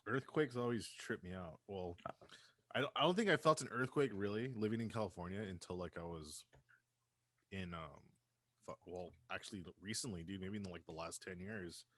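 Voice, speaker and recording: A man's voice: low-pitched, normal speed, fairly bright tone, no echo. A man co-hosting a casual podcast from home, laid-back, swearing and laughing often. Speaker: podcast co-host. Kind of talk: casual chat. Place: California home.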